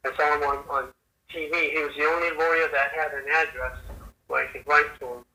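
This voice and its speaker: An older man talks casually over a telephone line, halting and repeating words. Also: fairly high pitch, fairly even intonation, pushed and bright. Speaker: father calling his family. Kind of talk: casual phone conversation.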